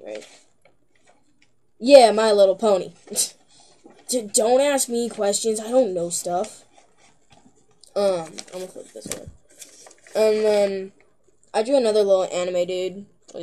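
A young teenage girl with a mellow, mid-range voice chats casually to the camera in a vlog. She rambles, giggles, and fills the gaps with plenty of "um"s.

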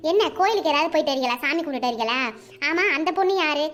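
A woman voicing a shrill outspoken village wife. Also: animated, fast, a bit bright. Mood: demanding. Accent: Kanyakumari Tamil. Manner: shrill, exclaiming.

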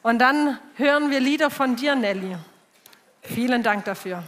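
A woman hosting an event on stage, speaking slowly and encouraging the audience directly. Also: sits high, fairly bright tone, a little hiss or hum. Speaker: event host. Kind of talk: stage moderation. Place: large event hall. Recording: echoey hall reverb.

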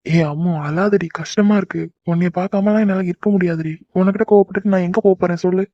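A young cartoon man, acted by a voice performer talks briskly in a mid-range voice. He coaxes and reassures the people close to him. The recording is dry and lo-fi. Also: mid-range voice, steady tone, no room sound, close to an everyday voice. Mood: coaxing. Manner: brisk, coaxing, affectionate. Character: young man, devoted son and boyfriend. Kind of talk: cartoon voice acting.

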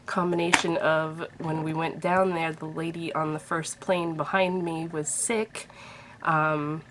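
A vlogger in her thirties from Massachusetts chats casually to her webcam from her bedroom at home, her somewhat low voice stuffy from a head cold. She rambles in an upbeat, chatty way at a measured pace, with little pitch movement. The webcam sits at desk distance, and a faint hiss runs under the recording.

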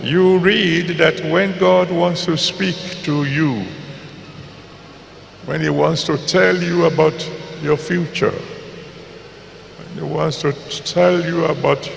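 A man with a Nigerian accent preaching a sermon deliberately, pausing between short phrases and repeating them for emphasis, his voice gravelly and creaky. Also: on the high side. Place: large church auditorium with PA reverb. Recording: reverberant large hall, faint background noise.

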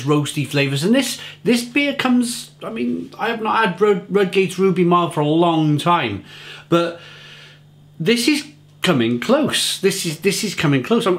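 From his home kitchen, a fairly high-voiced Englishman in his forties talks to camera about a beer he's reviewing. His manner is chatty, with repeated words whenever he hunts for a phrase.

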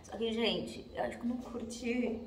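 A woman's voice: fairly high pitch, steady tone, moderate pace, reverberant, far from the mic, a little hiss or hum. A Brazilian woman chatting through her day in a casual vlog, sometimes cooing at her dogs in baby talk. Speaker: vlogger. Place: home in cold weather, moving between rooms and outdoors. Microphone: phone held or propped nearby.

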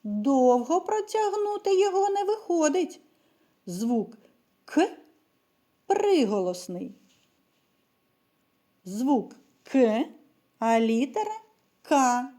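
A woman's voice: high voice, big pitch swings, slow, pauses often, warm tone. A woman teaching a children's lesson, speaking patiently and addressing the little ones directly. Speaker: primary school teacher.

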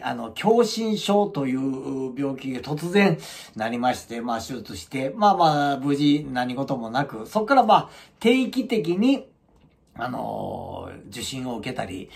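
Animated gravelly storyteller man. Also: medium pitch. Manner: animated, acts out quoted voices. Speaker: channel host. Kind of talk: casual storytelling monologue.

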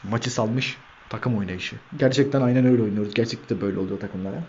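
A man hosting a gaming channel, giving lively commentary over his own football video game match, shouting player names and cursing at his players. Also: fairly low pitch, fast talker, dull audio, slight background noise.

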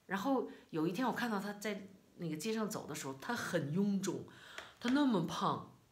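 A middle-aged woman from China, telling a personal story in a casual, animated, indignant way. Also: mid-range voice, moderate pace. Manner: animated, indignant retelling with quoted dialogue. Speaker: vlogger.

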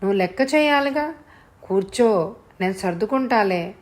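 A woman's voice: mid-range voice, expressive, moderate pace, close to an everyday voice. A woman voicing a shy teenage boy who answers defensively and mumbles his promises.

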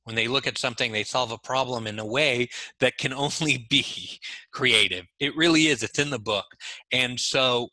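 Born in Israel and raised in Los Angeles, this author and creativity expert is a guest in an animated interview, speaking over a headset on a video call from a home room with bookshelves. His mid-range voice is bright and emphatic, moving at a moderate pace, and he's insistent and talks with his hands. There's no echo, but the audio is poor.

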